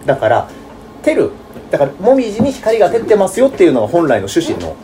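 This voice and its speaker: A man hosting a radio show, chatting casually and joking, with many fillers and fast talk. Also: high-pitched, wildly swooping pitch, background noise. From not from the Kansai region.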